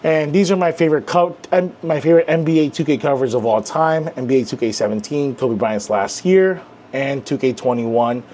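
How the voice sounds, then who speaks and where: Young male vlogger, easygoing and rambling, mid pitch, faint room hum behind him. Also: normal speed, darkish tone. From Filipino heritage. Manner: chatty, rambling, with many fillers. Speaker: comic channel host. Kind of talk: casual desk tour vlog.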